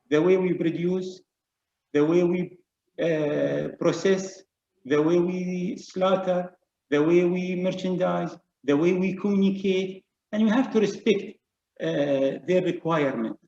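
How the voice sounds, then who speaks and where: A man with a high but mellow voice makes his case earnestly and repeats key phrases for emphasis. The sound is roomy and dull, with a lo-fi quality. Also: a little hiss or hum. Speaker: panelist. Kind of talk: panel discussion remarks.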